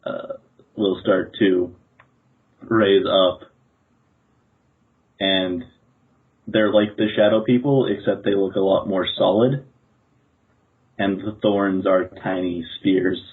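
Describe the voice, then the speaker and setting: A man playing a tabletop storytelling game, speaking in a slow, stammering way. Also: low voice, steady tone, husky. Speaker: player. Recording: tinny phone-like podcast audio.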